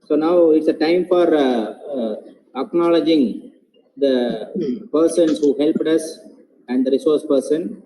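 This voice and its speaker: A man's voice: fairly high pitch, measured pace, dark tone, reverberant, slight background noise, rough recording. Polite man moderating, hesitant. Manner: polite, hesitant, many filler "uh"s. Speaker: webinar moderator. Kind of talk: formal webinar moderation.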